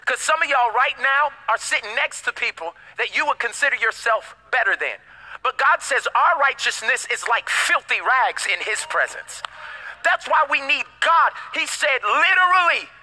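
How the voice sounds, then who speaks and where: A man's voice: very high voice, lively intonation, normal speed, sharp tone, low-quality recording. A man preaching a sermon as pastor, emphatic, with call-and-response and casual slangy asides.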